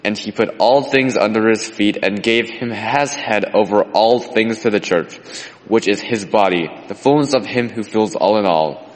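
A man reading scripture aloud in a steady, measured liturgical manner, with cathedral echo around him. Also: fairly low pitch. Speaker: scripture reader. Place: large church sanctuary. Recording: long reverb of a large church.

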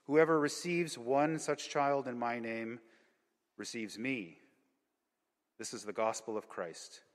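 A man's voice: mid-range voice, slow pace. A man formally reading the gospel aloud during a church service, heard in a cathedral echo. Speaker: gospel reader. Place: large church.

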